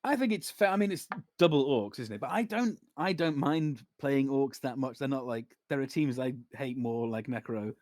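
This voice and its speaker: A man's voice: medium pitch, expressive, moderate pace, hardly any pauses, a little mellow, no room sound, studio quality. A man with a modern British accent, broadly RP, talking casually as a co-host of a live draw stream. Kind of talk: casual group chat.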